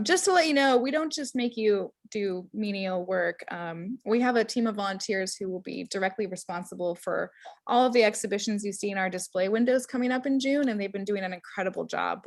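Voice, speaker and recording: Woman, event host, enthusiastic, chatty, fillers, mid pitch, dry close sound. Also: creaky, dry recording. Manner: warm and enthusiastic, with frequent fillers and laughs. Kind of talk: casual presentation at a public event. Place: indoor event.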